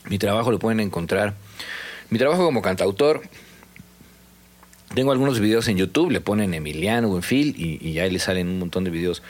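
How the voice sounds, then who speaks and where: A man's voice: on the low side, expressive, a little fast, long pauses. A man with a Mexican accent giving his views as a singer-songwriter guest on a casual podcast, in emphatic, slangy speech. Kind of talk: casual podcast interview talk.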